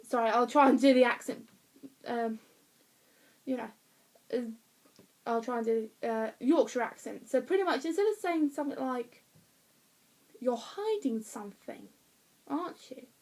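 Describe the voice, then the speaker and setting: Woman, slightly high voice, rambling home vlog chat full of ums and restarts. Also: normal speed, long pauses, darkish tone, poor audio. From Essex, England. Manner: rambling, many fillers and restarts, laughs at herself. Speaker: vlogger reviewing a play. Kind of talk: casual chatty review. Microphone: phone or webcam.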